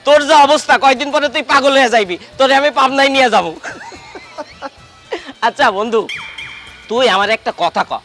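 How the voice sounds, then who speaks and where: An actor playing a mocking young male friend who teases loudly, in a comic drama. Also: very high-pitched, fairly quick, long pauses, soft background music, heavily acted. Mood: scornful. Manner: teasing, mocking, loud.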